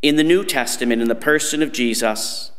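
A middle-aged man, a priest, reading scripture and preaching at Mass in a measured, solemn manner. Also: mid-range voice, a bit bright. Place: church sanctuary, standing at lectern. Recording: echoing church with long reverb.

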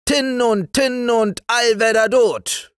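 A man's voice: very high voice, fairly even intonation, slow, clear, resonant tone, no room sound, studio quality, pitched above the performer's own voice. A man voicing a cheeky, defiant little boy in a storybook reading.

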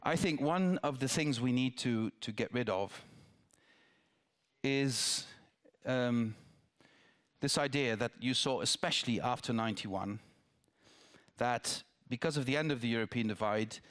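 In this town-hall dialogue, an older Dutch politician responds to the audience from a theatre stage through a headset mic. His medium-pitched voice is unhurried with a fairly bright tone. He sounds thoughtful, with occasional restarts and asides.

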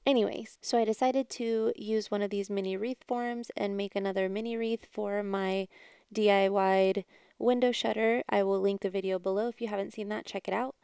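A woman giving a casual, chatty do-it-yourself voice-over as a craft vlogger, with a creaky yet smooth voice. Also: mid-range voice, steady tone, normal speed, darkish tone, no room sound, studio quality. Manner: chatty, informal. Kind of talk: casual DIY voice-over narration.

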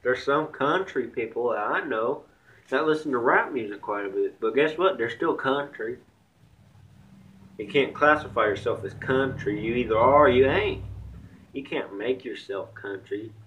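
A man's voice: mid-range voice, moderate pace, a bit bright, highs cut off, slight background noise. A young man with a slight Southern country accent, rambling bluntly and swearing in a casual vlog rant. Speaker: vlogger.

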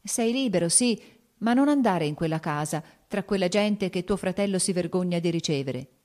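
A woman's voice: on the low side, animated, normal speed, darkish tone, close to an everyday voice. A woman voicing an anxious, pleading pregnant noblewoman in an audiobook reading. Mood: worried.

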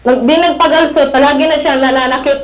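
A woman's voice: high-pitched, fairly even intonation, quick pace, echoey room, low-quality recording. A young woman giving respectful testimony as a witness. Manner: plain, respectful recounting. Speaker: witness, niece.

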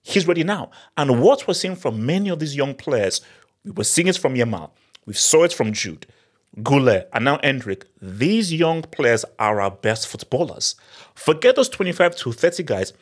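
A thirties-aged football channel host delivers a post-match analysis monologue straight into a boom-arm studio mic in what sounds like a small home studio. His sing-song voice moves at a moderate pace, pitch leaping up for emphasis as he repeats words to hammer points home.

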